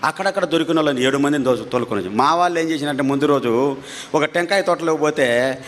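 Man, preacher, testimony storytelling, animated, higher-pitched voice, repeats for emphasis, faint background noise. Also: quick pace. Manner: animated, pitch rising sharply at tense moments. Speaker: preacher giving his testimony.

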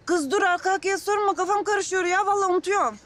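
A woman's voice: very high voice, quick pace, music in the background. An actress playing a flustered, chatty young village woman who speaks in a TV comedy. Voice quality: rambling, folksy. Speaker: village bride Kamuran. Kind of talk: TV comedy acting.

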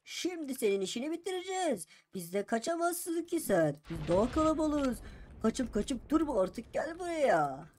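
A man's voice: very high-pitched, sing-song, normal speed, darkish tone, a little hiss or hum. A man voicing a menacing gang of male Titan Spider-Man robots in a game role-play, bossy and taunting. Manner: bossy threats, chasing.

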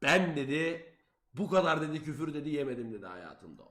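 A young man telling a story to his stream chat in a casual, animated, profane way, loudly acting out his own lines. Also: a little high, brisk. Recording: roomy echo.

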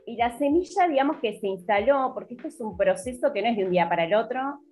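Argentine woman, 40s, podcast guest on a laptop mic, steady storyteller, faint music under. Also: on the high side, fast talker. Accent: Buenos Aires Argentine. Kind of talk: casual video-call interview. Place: home room.

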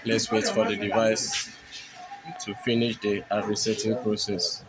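A man narrating a step-by-step phone tutorial, explaining each button press in steady, repetitive phrasing. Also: on the low side, a little slow, noisy background. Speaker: tech tutorial host.

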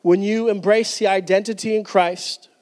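A man in his thirties, a pastor, stands on a church stage in a medium-sized indoor hall and preaches into a handheld mic with emphasis, gestures and repeated restarts. His high voice has a darkish tone, fairly even intonation and a moderate pace. The hall's long reverb colors the sound.

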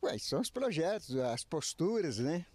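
An elderly man of about eighty speaks outdoors into a reporter's handheld microphone. He talks haltingly, restarting phrases and leaning on filler tags, his voice sitting a little high for a man. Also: very animated, darkish tone. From Brazil. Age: 80s. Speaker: interviewee, retiree. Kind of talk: street interview. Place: outdoors under trees by a house. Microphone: handheld reporter mic.

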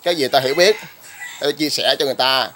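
A man vlogging about raising chickens, talking in a rough, blunt way, ranting at critics and then explaining plainly. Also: medium pitch, fast, pushed and bright, soft background music. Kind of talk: casual vlog talk.

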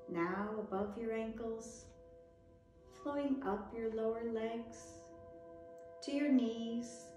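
A woman leading a guided relaxation meditation in a soft, soothing, gentle way, leaving long pauses. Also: on the high side. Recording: very echoey, with music behind. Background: music.

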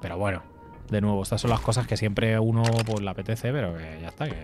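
A man in his thirties from Spain streams himself playing a game, talking loosely and tossing in casual swears. He speaks with a Spain Spanish accent, his voice lowish and quick, picked up by a headset mic at home with faint game music behind.

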